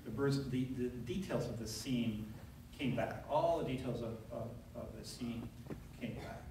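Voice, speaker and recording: A man's voice: medium pitch, unhurried, mellow, a little hiss or hum. A middle-aged man, a neurosurgeon, giving a conversational conference talk from a lectern, telling a story with frequent fillers. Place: large lecture hall, at a lectern. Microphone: audience camera from far back. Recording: very echoey hall, recorded from far off.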